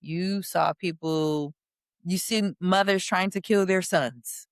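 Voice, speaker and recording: A woman's voice: on the low side, steady tone, slow, dry recording, clean studio sound. A woman hosting an interview, responding with empathy and adding her own reflections. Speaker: host. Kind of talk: interview conversation.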